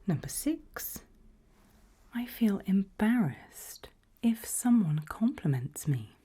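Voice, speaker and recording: A woman performs an ASMR roleplay as a calm, politely sinister HR interviewer at an evil organisation, whispering and murmuring softly in a deliberate, measured way with pauses. Her breathy whisper and soft low murmurs are very animated.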